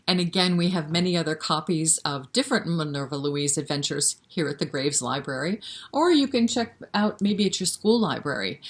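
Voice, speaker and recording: In a low-sitting, fairly bright voice, a woman gives an animated picture-book read-aloud at a children's story time. She breaks off to chat with the children, asking questions and encouraging them.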